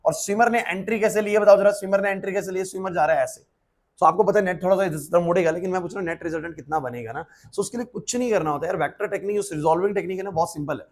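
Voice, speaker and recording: Fast-talking high-voiced teacher man. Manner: quizzing students, calling on them by name; repetitive questions, urging focus. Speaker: physics teacher. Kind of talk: classroom lecture.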